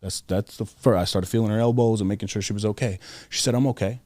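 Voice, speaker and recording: A man's voice: on the low side, steady tone, quick pace, no echo, clean studio sound. Earnest man telling a heartfelt story. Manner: earnest and reflective, often drops to a soft, quiet voice when quoting. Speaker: podcast guest, author. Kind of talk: casual conversational storytelling.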